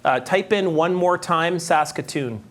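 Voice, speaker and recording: A man giving a public talk, chatty and animated, asking his audience questions as he tells a story. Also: fairly high pitch, a little slow. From Canada. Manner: conversational, asks the audience, animated when telling stories. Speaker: guest speaker. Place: conference hall.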